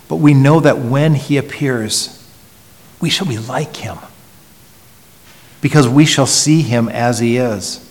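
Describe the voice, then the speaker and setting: A man preaching a sermon as pastor, earnest and emphatic, swinging from loud stresses to hushed near-whispers and often repeating words as he restarts. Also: mid-range voice. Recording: long hall reverb.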